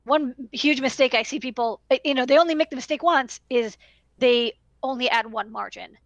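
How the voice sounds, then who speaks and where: At a moderate pace and with a high voice, a woman in her thirties gives informal, emphatic advice on a livestream via headset, repeating words for stress. She owns an electronics business and speaks from a small indoor room, with no echo.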